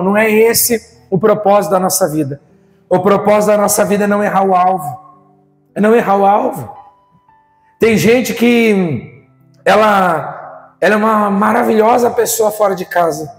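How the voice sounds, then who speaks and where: A man's voice: sits high, roomy sound, big-room sound. A man with a Brazilian accent preaching a sermon as pastor, firing rhetorical questions at the congregation. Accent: Brazilian Portuguese.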